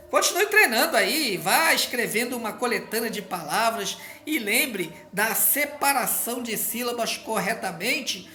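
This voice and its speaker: Slow, bright-voiced man teaching. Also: sits high, a little hiss or hum. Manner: patient, checks in often with the learner. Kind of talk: recorded grammar lesson. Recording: roomy echo.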